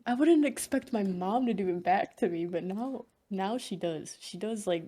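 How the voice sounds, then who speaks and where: A woman's voice: medium pitch, normal speed, warm tone. A young woman co-hosting a podcast in easy, casual chat. She tells crude, meandering stories about family, laughing through them and swearing freely. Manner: giggly, profane, rambling anecdotes. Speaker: podcast co-host.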